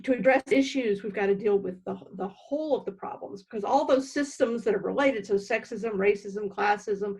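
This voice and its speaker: A woman theologian speaks in a measured, thoughtful way, pausing for ums and restarts. She is a guest in a live online book discussion. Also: mid-range voice, darkish tone, slightly rough, rough recording.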